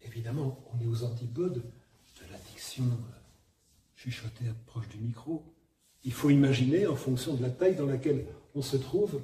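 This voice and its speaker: A man teaching poetry declamation, explaining technique in a demonstrative, animated way and breaking into examples. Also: mid-range voice. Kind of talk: spoken lesson on verse recitation. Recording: echoey room from a distance, faint noise.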